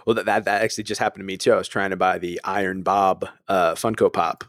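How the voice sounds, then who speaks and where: Low-voiced man telling stories animatedly. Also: fast talker, no room sound, clean studio sound. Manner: animated storyteller, acts out voices, laughs often. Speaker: podcast co-host. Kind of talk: casual chat, storytelling.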